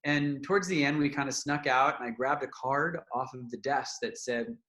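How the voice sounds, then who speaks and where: Man telling a lively personal story. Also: medium pitch, normal speed. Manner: animated, acts out what people said, laughs often. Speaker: guest, yoga nidra teacher.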